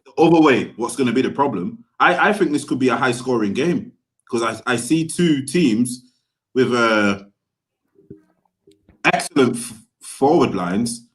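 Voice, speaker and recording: A man's voice: mid-range voice, animated, unhurried. A man with a London roadman accent co-hosting a football podcast, giving opinions in casual, slang-heavy banter. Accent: London, roadman-style street slang. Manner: slangy, opinionated, repeats tag phrases like a street chat. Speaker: podcast co-host.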